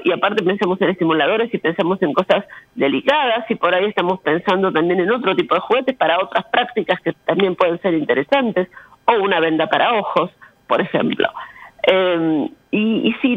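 Speaking with an Argentine Spanish accent, a woman in her fifties is a frank, emphatic interview guest who leans on rhetorical questions in candid conversation. Her voice is fairly low, and the recording has no room sound and cut-off highs.

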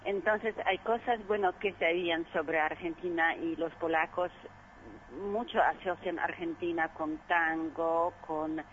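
A woman's voice: lowish voice, fairly even intonation. Polish-accented woman on a dull, noisy line. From Poland. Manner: halting, searches for words in non-native grammar. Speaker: ambassador being interviewed. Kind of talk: conversational radio interview. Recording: dull, noisy phone call.

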